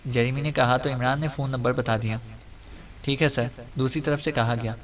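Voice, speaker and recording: A man narrating an audiobook in a steady, even reading. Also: medium pitch. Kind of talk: scripted narration. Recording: distant mic.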